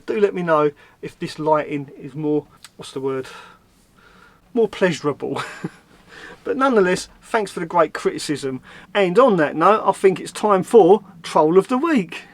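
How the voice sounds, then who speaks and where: A man's voice: fairly high pitch, no echo. Chatty Cockney man vlogging from his van. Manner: chatty and self-mocking, with easy laughs. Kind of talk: casual vlog chat to camera. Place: inside a camper van, seated.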